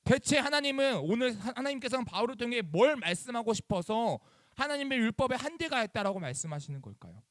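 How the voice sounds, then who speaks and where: Youth pastor, male, high and very animated delivery, dry close sound, church sermon to teens. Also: dry recording. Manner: animated, acts out phone calls and asks the kids questions. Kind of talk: sermon to middle schoolers. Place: church chapel.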